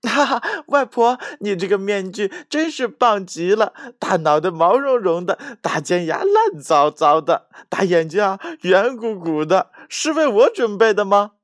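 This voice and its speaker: A giggly little girl with a high, lively storybook voice, acted by a male narrator. She bounces up and down in pitch as she teases. The recording is close and dry. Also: slow, no room sound, full character voice.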